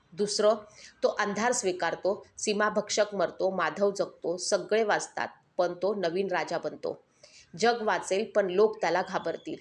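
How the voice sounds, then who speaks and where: Female audio-story narrator, dramatic horror telling, mid-pitched. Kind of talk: scripted narration.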